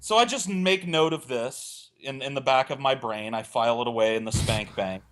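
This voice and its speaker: With a medium-pitched voice at normal speed, a podcast guest rambles through a crude, funny story, lively and acting out the lines people said.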